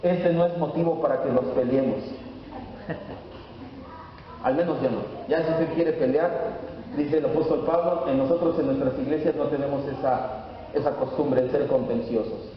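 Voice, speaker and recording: Pastor teaching in an echoey hall. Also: male voice, mid-range voice, fairly even intonation, moderate pace, long pauses, slight background noise. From Mexico. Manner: teaching, asks the congregation questions. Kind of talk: sermon lesson at a whiteboard. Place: church hall. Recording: echoey hall, far from the mic, dull.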